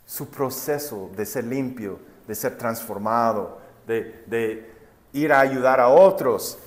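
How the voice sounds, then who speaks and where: A man's voice: medium pitch, slow. A male pastor preaching a sermon, telling a story and often asking the congregation rhetorical questions. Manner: addresses listeners as brothers and sisters.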